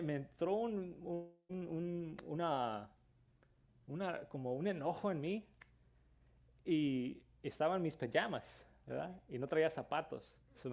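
A man's voice: fairly high pitch, vocal fry, darkish tone. A man preaching a sermon in Spanish, moving between earnest exhortation and a personal story. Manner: earnest preaching, rising to emphatic questions, then storytelling. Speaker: pastor.

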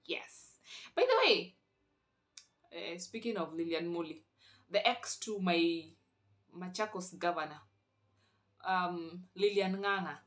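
A woman's voice: lowish voice, unhurried. A young Kenyan woman with a Kenyan accent chatting playfully on her vlog, switching between languages mid-sentence. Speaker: vlogger. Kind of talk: casual chat.

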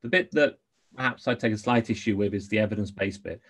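A middle-aged man giving an explanatory medical conference talk over a video call, in a measured, carefully qualified way. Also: fairly low pitch. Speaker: consultant anaesthetist giving a lecture. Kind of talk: explanatory conference presentation with slides. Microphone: computer microphone on a video call.

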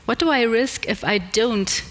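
A middle-aged woman with a German accent gives a conference talk on a large indoor stage and takes questions, hesitant with many fillers and restarts. She speaks into a headset at a measured pace, her voice on the high side.

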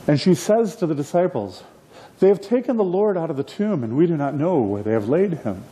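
A middle-aged man preaching a sermon from a church platform, expressive and gesturing, often restarting his phrases. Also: on the high side, a little fast. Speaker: pastor. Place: church platform indoors, livestreamed.

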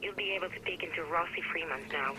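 A woman's voice: on the low side, quick pace, sharp tone. An actress playing a cool, loyal female accomplice on a call in a video game. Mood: calm, supportive. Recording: phone call with noisy ambience.

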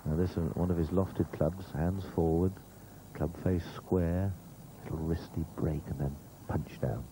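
A man's voice: sits low, steady tone, measured pace. A male golf commentator giving conversational live commentary, rambling along with humorous asides. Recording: noisy old TV broadcast audio.

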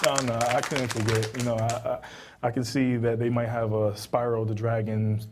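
A man's voice: mid-range voice, flat delivery, normal speed. A man hosting a live show, making announcements in a playful, laughing, announcer-like way. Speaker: host. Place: live event with audience. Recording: loud crowd and background noise.

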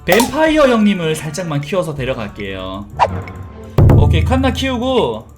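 Game streamer, male, from South Korea; animated chatty delivery, music bed underneath. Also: on the high side, moderate pace. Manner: chatty, bursts into excited shouting during battles. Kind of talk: sponsored mobile game playthrough.

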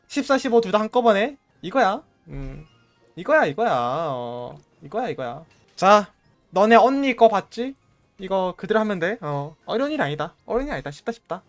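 A man's voice: sits high, no echo. A man streaming a game, giving casual running commentary and playfully scolding his in-game item like a parent.

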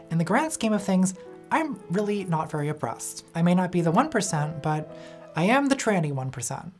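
A woman hosting a scripted commentary video, with a sardonic, theatrical delivery. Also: mid-range voice. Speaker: video essayist host.

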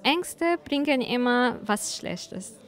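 A young woman answering interview questions haltingly with many fillers into a handheld mic at an indoor event. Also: on the high side, animated, faint music behind. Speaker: workshop leader interviewee. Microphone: handheld reporter mic.

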